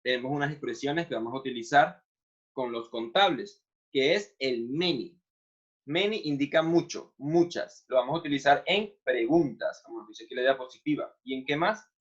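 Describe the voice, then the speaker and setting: A male English teacher, a native Spanish speaker, giving a recorded online lesson. He explains in Spanish and reads the English examples slowly. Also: mid-range voice, husky. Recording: dull lo-fi sound.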